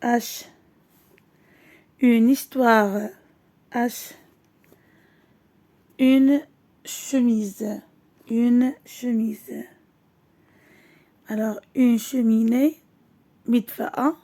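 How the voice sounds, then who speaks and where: Woman teacher, high and mellow voice, slow and deliberate, repeats each word. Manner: switches between French and Arabic. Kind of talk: slow classroom lesson.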